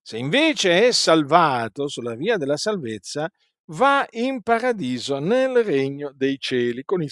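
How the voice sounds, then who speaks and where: A man's voice: fairly high pitch, no room sound, studio quality. A man preaching a Bible teaching, emphatic, with rhetorical questions and frequent fillers.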